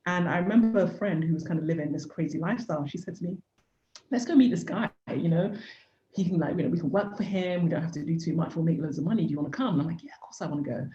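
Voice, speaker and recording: In a mellow, fairly low voice, a Nigerian woman in her forties, a business founder, shares her life story frankly on a podcast. She's an earnest narrator who repeats "literally" a lot. The room is echoey and the sound dull and lo-fi.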